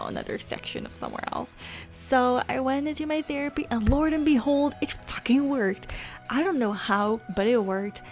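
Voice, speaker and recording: A woman vlogger chatting candidly in a casual confessional style, venting and swearing freely. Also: medium pitch. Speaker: gaming vlogger. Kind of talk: casual confessional vlog chat.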